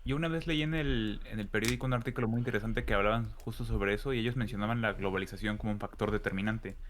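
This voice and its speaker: A man with a Mexican accent, co-hosting a casual podcast and telling relaxed stories with colloquial asides. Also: on the low side, fast, noisy background. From central Mexico. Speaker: podcast co-host. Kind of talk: casual chat.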